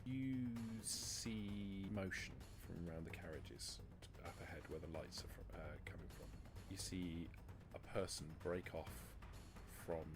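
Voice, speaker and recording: A game master with a deep voice narrates a tabletop roleplaying game, describing scenes dramatically and pausing on purpose. Noticeable background noise runs through the recording.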